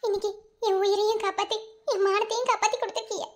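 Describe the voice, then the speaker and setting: A shaken tearful young woman, very high voice, quick speech. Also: flat delivery. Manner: tearful, grateful. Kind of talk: TV serial acting.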